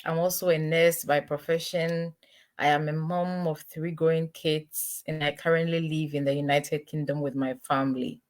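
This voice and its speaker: A woman from Ghana, a nurse, calmly introducing herself on an online panel. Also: low voice, moderate pace. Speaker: panel guest.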